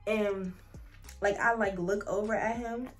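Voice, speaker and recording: A woman's voice: medium pitch, fairly even intonation, a little slow, soft background music. Chatty young woman telling a story. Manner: chatty, rambling, heavy "like" fillers, addresses viewers as y'all. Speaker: vlogger. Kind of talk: casual storytime.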